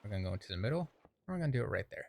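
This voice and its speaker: A young man with a low, gravelly voice talks his way through a building game. He rambles casually to himself and lets out sudden exclamations when things go wrong. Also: very animated, rapid-fire, darkish tone. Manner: rambling, self-talking, exclaims at setbacks. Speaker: gaming video creator. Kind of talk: casual gameplay commentary.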